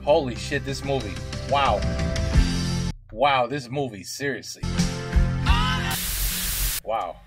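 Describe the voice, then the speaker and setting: A man's voice: mid-range voice, slow, long pauses, over loud music. A man giving casual live reactions, amused and incredulous, often repeating himself. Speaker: viewer reacting to a video. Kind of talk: casual live reaction chat, switching between English and French.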